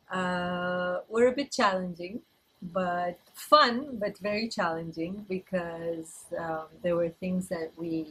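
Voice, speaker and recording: A woman's voice: fairly low pitch, fairly bright tone, slight background noise, rough recording. A middle-aged woman from Ethiopia answering interview questions in a casual, hesitant way with many fillers.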